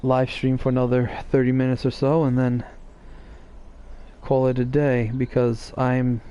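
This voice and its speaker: A man's voice: medium pitch, completely flat delivery, unhurried, dark tone, smooth. A man streaming live, chatting casually and teasing his viewers in a rambling way.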